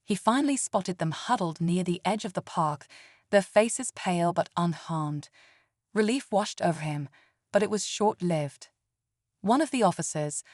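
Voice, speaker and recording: A woman reading a dramatic story in a measured scripted narration. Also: on the low side, dry recording, clean studio sound.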